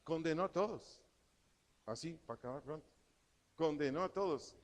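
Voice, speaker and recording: A man with a fairly high voice delivers a church sermon, reading scripture aloud with emphasis. He drives his points home by repeating key words. The sound rings with a long hall reverb. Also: moderate pace. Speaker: pastor.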